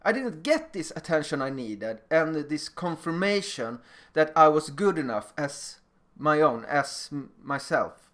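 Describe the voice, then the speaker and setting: Unhurried and a bit bright, a Swedish man's slightly high voice swings widely in pitch as he lectures as a middle school teacher. His Swedish accent and plain, somewhat non-fluent phrasing mark him as a non-native speaker. The informal recorded presentation features personal stories.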